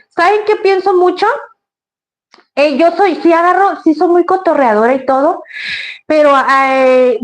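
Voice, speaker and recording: A woman with a Mexican accent, hosting a cooking channel and chatting casually and effusively to her viewers. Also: sits high. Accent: Mexican Spanish. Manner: chatty, effusive, laughs often, thanks viewers by name.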